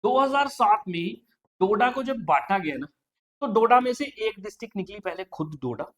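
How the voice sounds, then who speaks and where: Quizzing his class over and over, this coaching teacher works through exam-prep material and echoes back each answer, peppering his speech with "okay" and "friend." His voice is high-pitched and expressive, at a moderate pace.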